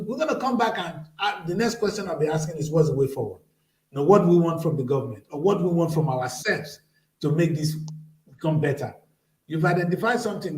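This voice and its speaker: A man with a high-pitched voice moderates a panel discussion informally. He sounds roomy and echoing, set back from the microphone. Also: darkish tone. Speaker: panel host. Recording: roomy echo, far from microphone.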